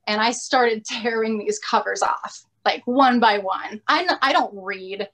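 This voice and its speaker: A woman's voice: a little high, unhurried, a bit bright. A woman podcast co-host telling a personal story in casual chat, candid and confessional, with many "like" fillers. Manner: chatty, many "like" fillers, laughs often.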